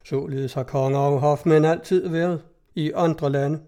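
A blunt captain of the guard on the hunt for a fugitive, read by a male storyteller. His voice is mellow and fairly high. He gets straight to business. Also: steady tone, lightly acted.

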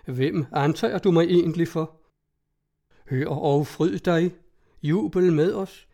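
A proud townsman who lectures scornfully and indignantly, as a man reads him aloud. The voice sits a little high and stays mellow, fitting a storybook character. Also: creaky. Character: proud, scornful male citizen.

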